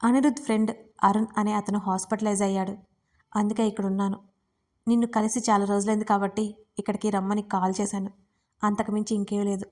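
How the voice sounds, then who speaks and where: A woman's voice: mid-range voice, level tone, fast talker, warm tone, close to an everyday voice. A woman reading a snappy, scolding young wife. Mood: irritated. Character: young newly married woman, sharp-tongued and fed up. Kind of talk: audiobook character reading.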